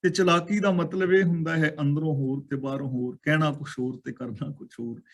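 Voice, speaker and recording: A man explaining scripture. He recites each verse line slowly and drawn out, then explains it word by word. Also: a little high, steady tone. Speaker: scripture teacher.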